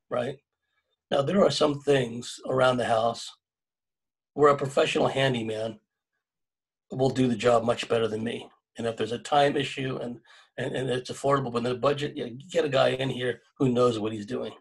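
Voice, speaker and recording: A middle-aged man from California talks on a video-call panel from his home, in a gravelly, husky voice. He speaks earnestly and exhorts, often restarting his phrases and tacking "right?" onto points. The sound comes through a plain webcam mic. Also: mid-range voice, low-quality recording. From California, USA. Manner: earnest and exhorting, many restarts, tag questions.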